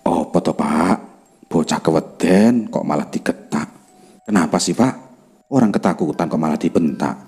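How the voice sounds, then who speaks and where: Man doing an indignant young guy defending a friend, deep voice. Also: a little mellow, husky, in a large hall, faint music behind. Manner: indignant, quick.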